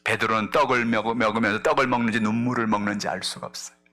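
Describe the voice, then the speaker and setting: A male pastor preaching a sermon, telling a story with energy and acting out the characters' lines, moving between loud exclamations and hushed asides. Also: on the low side, steady tone, fast talker, slight background noise.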